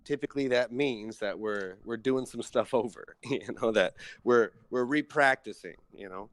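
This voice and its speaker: A man's voice: mid-range voice, normal speed, no echo. Thoughtful philosophical man, dry sound. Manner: thoughtful, philosophical, frequent "you know" and "right". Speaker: astrologer host. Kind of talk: casual conversational teaching.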